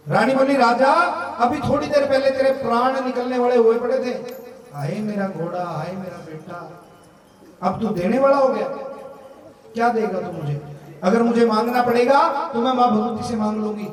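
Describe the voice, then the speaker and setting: A man telling a devotional story at a night vigil, acting out the characters and calling on the crowd to chant back. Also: very high-pitched. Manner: dramatic call-and-response storytelling, urging the crowd to chant. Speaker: jagran storyteller. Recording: echoey hall, distant mic.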